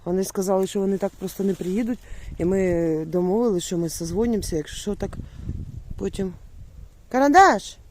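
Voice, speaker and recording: A woman talking casually to the camera in a village yard, calling for her dog in high sing-song bursts. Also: steady tone, a little fast, dark tone. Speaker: vlogger. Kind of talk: casual vlog narration. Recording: noisy outdoor recording. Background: animals and rural outdoor sounds.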